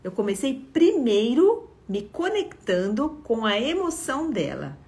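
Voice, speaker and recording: A woman's voice: a little high, very animated, a little slow, darkish tone. A middle-aged Brazilian woman, a parenting educator, talks to parents on a live stream in a conversational way, often checking in with her listeners. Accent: Brazilian Portuguese. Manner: conversational, frequent "né?" and "tá?" check-ins.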